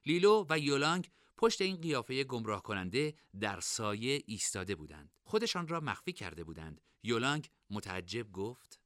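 A man narrating a story in an expressive, lively reading. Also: medium pitch, few pauses, dry recording, clean studio sound.

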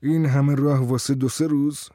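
A man's voice: mid-range voice, level tone, mellow, no room sound, clean studio sound, natural voice. A man reading a story aloud, voicing an eager, hearty middle-aged male schoolteacher playing host. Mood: jovial.

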